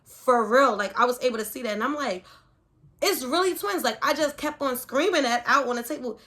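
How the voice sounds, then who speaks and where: A pregnant woman vlogging, telling a story casually to camera in an animated, rambling way full of "like". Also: on the high side, a little fast. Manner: animated and rambling, leaning heavily on "like". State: pregnant, with hiccups and heartburn.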